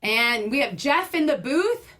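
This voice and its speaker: A woman's voice: high-pitched, very animated, unhurried, sharp tone. A young woman hosting a casual panel show, bubbly and upbeat. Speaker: host.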